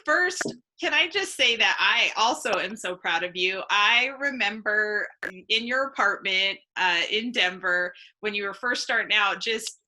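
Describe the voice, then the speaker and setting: A woman's voice: medium pitch, animated, measured pace, pushed and bright. A woman hosting a casual live interview, chatty and friendly, laughing often. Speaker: host.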